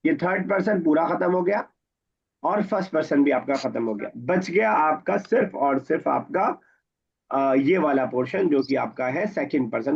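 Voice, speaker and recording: Gravelly man teaching a grammar class. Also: on the high side. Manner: patient, repeats points and quizzes students. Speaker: Arabic teacher. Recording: dull lo-fi recording.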